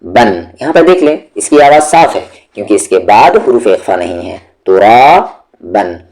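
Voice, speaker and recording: A man's voice: lowish voice, very animated, darkish tone. A man teaching Quran recitation, patiently sounding out syllables one at a time and drawing them out. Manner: patient, drawn-out syllable drills. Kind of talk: slow step-by-step tajweed lesson.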